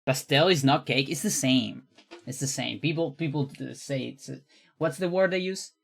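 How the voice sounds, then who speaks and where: A game streamer with a Chilean accent and a medium-pitched voice, a native Spanish speaker. The talk is casual and off the cuff, aimed at a live chat. The manner is playful and teasing. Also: normal speed, gravelly. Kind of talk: casual livestream chat while gaming.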